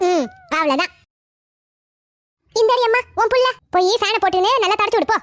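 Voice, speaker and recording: A woman's voice: extremely high pitch, lively intonation, brisk, fairly bright tone, dry recording, studio quality. A bossy cartoon mother-in-law. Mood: dismissive. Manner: scolding, dismissive, talks over others. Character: bossy older mother-in-law, sharp-tongued and stubborn. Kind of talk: cartoon family drama voicing.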